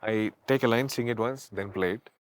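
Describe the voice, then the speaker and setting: In a relaxed interview, a man who plays the veena and sings talks reflectively in a deep voice at a moderate pace, laughing often and slipping Kannada into English. The recording is studio quality with no echo.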